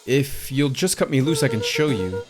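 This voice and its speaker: A folksy older man who talks smoothly and keeps reassuring everyone, as a man voices him over a game. His tone is warm and coaxing but evasive. Game music plays behind him. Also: mid-range voice, very animated, normal speed, close to an everyday voice. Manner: reassuring, persuasive. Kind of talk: voicing game dialogue.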